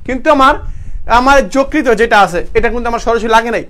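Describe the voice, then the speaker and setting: A young man leads an online live class for university admission. His voice sits very high for a man, and he keeps quizzing students with short repeated questions before giving the answers himself. He closes points with encouragement to keep trying. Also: a little fast, fairly bright tone. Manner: encouraging, motivational. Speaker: university admission coaching teacher.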